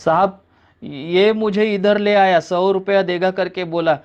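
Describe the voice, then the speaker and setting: A man's voice: high voice, steady tone, measured pace, smooth. A man reading aloud voices a sobbing, scheming young woman who tearfully accuses a stranger before the police. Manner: tearful, pleading. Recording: dull lo-fi recording.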